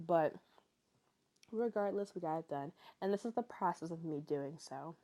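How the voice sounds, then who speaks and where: Her voice is lowish, animated, a little slow and mellow. She's a young vlogger in her twenties, worn out, rambling through a chatty voice-over in native English, dotted with fillers and small laughs.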